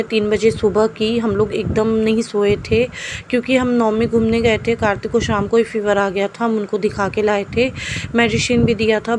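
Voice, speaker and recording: A young woman talks casually to her vlog audience in a rambling, chatty way. Her voice sits slightly high, and a faint hiss of background noise runs under the recording. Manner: chatty, rambling, mixing English words. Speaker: vlogger. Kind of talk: casual family vlog chat.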